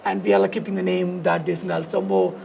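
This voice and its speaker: Gravelly South Indian man in conversation. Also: high voice, little pitch movement, fast, a little mellow, a little hiss or hum. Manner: fragmented, loosely structured phrasing with repetition. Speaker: dance studio founder and teacher, podcast guest. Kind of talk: conversational interview storytelling.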